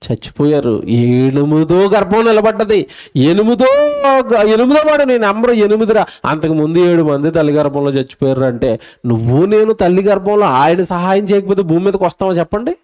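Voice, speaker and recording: Guy preaching, high voice, fires questions at the crowd. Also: animated, normal speed, darkish tone. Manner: acts out a crying baby's voice. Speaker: pastor. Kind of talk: sermon.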